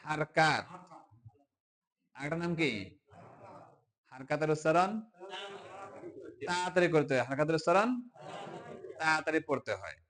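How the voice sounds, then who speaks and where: A man teaching Quran reading to a live online class, drilling letters slowly and asking the class to answer, chanting the spelling in a drawn-out singsong. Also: a little high, a bit bright.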